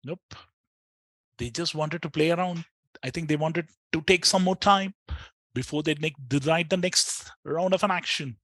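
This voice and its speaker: Indian man giving live market commentary, higher-pitched voice. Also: normal speed, a bit bright, no echo. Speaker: live trading streamer.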